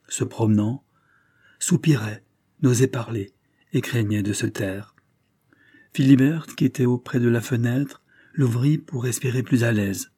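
A man narrating a classic novel in a measured, dramatic reading. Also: lowish voice, dark tone, husky. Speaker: audiobook narrator.

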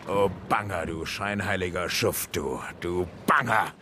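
An actor playing a boisterous one-armed English whaling captain in a radio drama, spinning a sea yarn. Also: male voice, sits low, measured pace, bright, forceful tone, slight background noise. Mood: mocking. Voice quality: boisterous seafaring storyteller.

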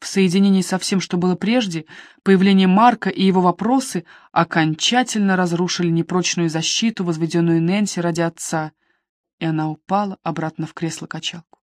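A woman narrating a detective audiobook in a steady, even storytelling voice. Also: fairly low pitch, brisk, no echo, clean studio sound.

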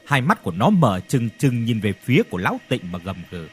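A man narrating a ghost story in an expressive, dramatic storytelling manner. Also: medium pitch, a little fast, a little hiss or hum.

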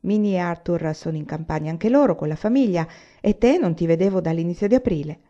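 A woman's voice: lowish voice, expressive, fast, dark tone, muffled recording, lightly acted. A woman reading the part of a chatty, slightly gossipy teenage girl in a storybook.

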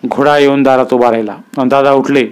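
A man narrating a story aloud in a steady, measured way. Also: medium pitch, smooth. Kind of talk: story reading.

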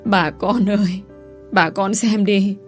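A woman voicing a scheming young pregnant village woman who wails and pleads loudly. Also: medium pitch, fairly even intonation, takes it slowly, faint music behind, close to an everyday voice. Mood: wailing. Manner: loud, wailing, pleading.

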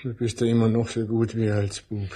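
A man's voice: fairly low pitch, level tone, fairly quick, dark tone, husky. A man playing a resigned, sad old puppeteer father in an audio drama, with a southern German accent. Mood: weary, resigned.

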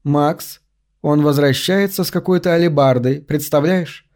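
A man's voice: a little high, a little slow, a little mellow, natural voice. A man voicing a gleeful, falsely sweet woman who mocks with sing-song sarcasm. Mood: mocking.

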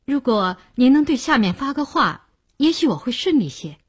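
A woman voicing an eager young journalist in an audiobook, polite and persistent, with a slightly breathy voice. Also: sits high, big pitch swings, moderate pace, heavily acted. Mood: hopeful.

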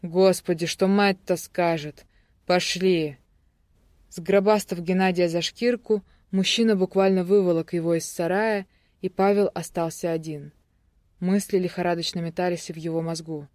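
A narrator giving a steady, even audiobook reading of a thriller. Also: medium pitch, moderate pace, no echo, studio quality.

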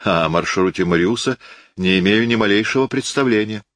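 A man's voice: on the low side, fairly quick, a bit bright, no echo, natural voice. A man voicing a glib, self-assured young cavalry officer for an audiobook, breezy and lightly mocking. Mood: matter-of-fact. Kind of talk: audiobook character voice.

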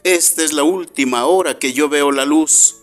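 A man's voice: fairly high pitch, moderate pace, faint music behind, close to an everyday voice. A man voicing a frightened little female bee in a radio story, speaking in a trembling, pleading voice. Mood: timid defiant.

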